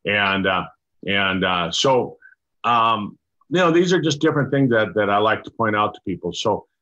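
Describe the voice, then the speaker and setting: An older man, a doctor, explaining a product in casual chat over a video call, halting with many restarts and fillers. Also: fairly low pitch, lively intonation, sharp tone. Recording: dull lo-fi video call audio.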